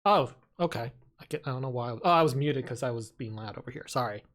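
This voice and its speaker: A man co-hosting a livestream chat, making quick, apologetic asides. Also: medium pitch, fairly bright tone.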